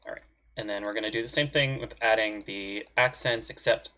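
A man's voice: on the low side, a little fast. Laid-back man scatting drum rhythms. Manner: vocalizes drum rhythms with nonsense syllables; relaxed, self-deprecating, talks to himself while working. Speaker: music arranger demonstrating notation software. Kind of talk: casual thinking-aloud software tutorial.

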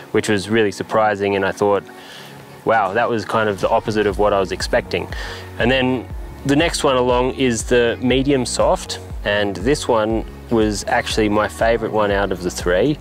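A man's voice: fairly low pitch, low-quality recording. A young man, a ski instructor, casually reviewing skis to camera outdoors, earnest and thinking aloud as he goes. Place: outdoors on a grassy mountain slope by a wooden chalet.

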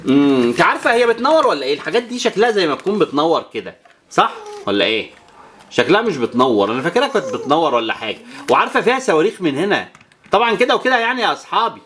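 A woman's voice: low-pitched, big pitch swings, very fast, fairly bright tone, a little hiss or hum. A woman with an Egyptian Arabic accent plays with toys next to a child and talks to viewers. She counts aloud and makes whooshing sound effects. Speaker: toy channel presenter. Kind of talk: playing with toys alongside a child and talking to viewers.

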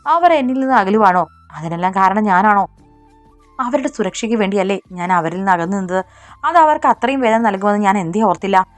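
A woman's voice: mid-range voice, animated, brisk, faint music behind, lightly acted. A woman voicing an anguished young man, the elder brother, questioning himself while drinking alone. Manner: pained self-questioning.

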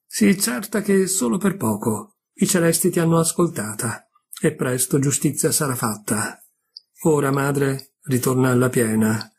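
A man's voice: mid-range voice, expressive, normal speed, a little mellow, slightly rough. A man reading aloud as a cheerful young male god in a storybook tale. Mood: gentle. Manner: laughing, tender reading voice.

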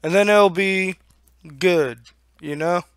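A young man giving a casual, halting review to camera on a headset mic, talking with a lip full of dip. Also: high voice, smooth, dry recording. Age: young adult. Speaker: amateur product reviewer. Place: small room at home. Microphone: headset microphone.

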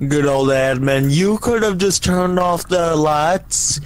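A man's voice: on the high side, slow pace, over a noisy crowd. A man telling his story in a mock old-timey folksy manner during a group game. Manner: folksy, theatrical.

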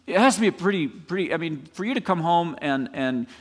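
Guy preaching a sermon, chatty and animated, kinda high voice, long church echo. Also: a little fast, breathy edge. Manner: animated, conversational preaching with restarts and rhetorical "right?". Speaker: pastor. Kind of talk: expository sermon.

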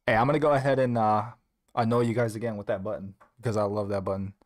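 A man's voice: fairly low pitch, steady tone, fast talker. A man hosting a trading-card break livestream, talking in an upbeat, joking way with casual swearing, slightly out of breath. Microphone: earpiece in, on stream.

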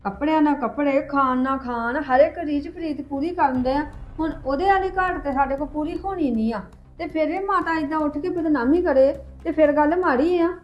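A woman acting out a resentful young woman in a homemade family drama, confronting her relatives with sharp accusations. Her voice is high, and the recording sounds dull and lo-fi with faint music behind it. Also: a little fast, natural voice. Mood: aggrieved.

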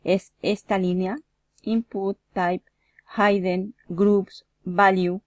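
A woman's voice: mid-range voice, level tone, drawn-out words, dry recording, muffled recording. A woman from Mexico teaching web marketing, talking casually through each click step by step in a screen-share tutorial.

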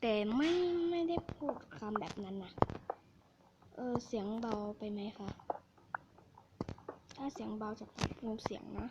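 A woman's voice: a little high, animated, unhurried, pauses often, lo-fi sound. Woman muttering gameplay commentary, noisy recording. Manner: mutters to herself, often in a half-whisper. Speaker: game streamer. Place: at home. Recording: noisy home recording with background hiss.

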